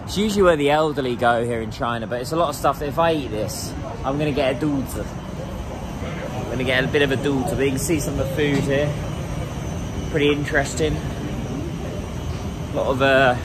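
A man's voice: mid-range voice, normal speed, long pauses. An English man in his thirties chatting casually as he walks through a market, filming on a phone at arm's length. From England. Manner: chatty, rambling, laughs often. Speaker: vlogger. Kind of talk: casual walking vlog. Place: busy indoor food market. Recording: noisy crowded market ambience. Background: crowd chatter and market noise.

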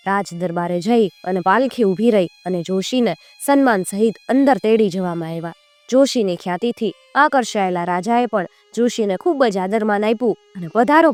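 A woman storyteller narrating a folk tale in a measured, expressive way. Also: medium pitch, no echo.

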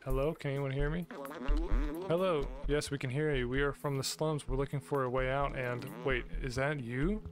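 A man's voice: mid-range voice, steady tone, normal speed, over music. A man hosting a gaming video, reading the game's dialogue aloud as he plays. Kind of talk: reading game dialogue aloud during let's play.

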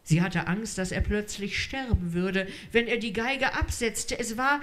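A woman reading a literary story aloud in a measured storytelling manner. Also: medium pitch, fairly bright tone, slight background noise. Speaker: reader.

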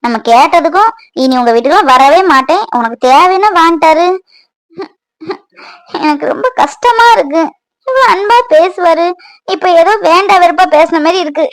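A brooding young cartoon mother, voiced by a woman, pours out her hurt in a very high, sorrowful voice. She talks to herself in a self-pitying way. The sound is dry and close. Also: normal speed, pauses often, no room sound, rough recording. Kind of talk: cartoon voice acting.

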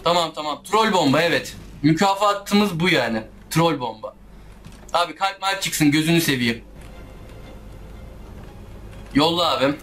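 A gaming YouTuber with a fairly high, fairly bright, animated voice speaks at a moderate pace over slight background noise and faint game music. In casual let's-play commentary he's frustrated, swearing often and talking back to the game.

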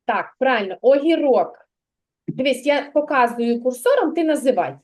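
A woman teaching a young child letters and sounds, speaking patiently and clearly and praising often. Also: sits high, animated, fairly quick. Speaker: kindergarten teacher. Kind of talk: literacy lesson with a child.

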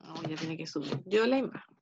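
Patient Chilean teacher on a dull video call. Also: female voice, low voice, lively intonation, background noise. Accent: Chilean Spanish. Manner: patient, drawn-out explaining to small children. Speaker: first-grade teacher. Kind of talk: online class lesson.

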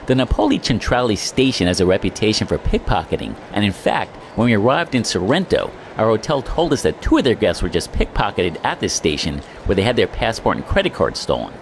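A man's voice: lowish voice, big pitch swings, brisk, few pauses. A middle-aged man narrating a travel vlog and talking to the camera outdoors by a railway platform, wry and emphatic. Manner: wry, emphatic, repeats for effect. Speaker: travel vlogger. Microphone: camera held close, face in frame. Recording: loud outdoor background noise.

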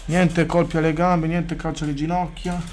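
A man streaming a sports video game, chatting casually, swearing freely and bursting into loud excited shouts. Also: fairly high pitch, moderate pace, slight background noise. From Italy. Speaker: gaming streamer. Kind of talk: casual gameplay commentary.

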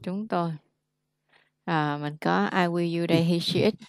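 A woman tutor leads a one-on-one lesson in a dry, close recording. Her voice sits a little low, and she coaxes answers and repeats phrases slowly. She sounds patient throughout. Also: steady tone, dry recording. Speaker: English tutor.

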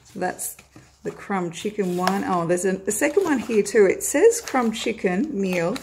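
Speaking at a medium pitch and a little slowly, her tone slightly mellow, a middle-aged Australian vlogger chats through her grocery haul indoors at home. She shoots the groceries on the table from overhead with her phone. There's a faint hiss or hum, and her friendly patter leans on frequent "uh"s.

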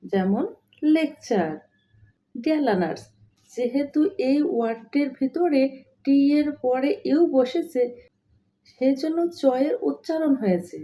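A woman's voice: sits high, mellow. A woman teaching English pronunciation step by step, repeating each rule twice and spelling words letter by letter. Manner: addresses listeners as dear learners. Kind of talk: slow step-by-step pronunciation lesson.

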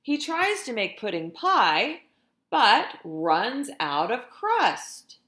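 Reading to young children at a slow pace, an animated woman with a fairly high voice performs a picture book indoors at home. The room sounds roomy, and she talks to the kids directly with expressive, deliberate delivery.

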